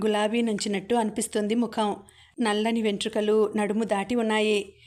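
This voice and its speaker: A woman narrating a novel as an audiobook in a steady storytelling manner. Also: medium pitch.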